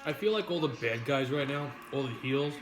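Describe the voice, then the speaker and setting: Man, medium pitch, casual livestream chat, rambling, playful, roomy echo, noisy background. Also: a little fast. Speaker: host of a livestream mukbang. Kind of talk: casual chat while eating pizza, reading viewer comments. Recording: echoey room with background noise.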